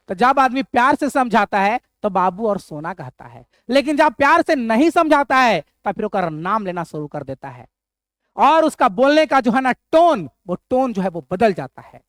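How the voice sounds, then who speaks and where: A male teacher with a Bihari accent tells a story to teach a memory trick. His pitch swings widely, and he stretches and repeats key syllables in a playful way. The sound is dry and close. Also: a bit bright, no echo. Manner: playful, repetitive, drawn-out syllables. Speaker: geography teacher.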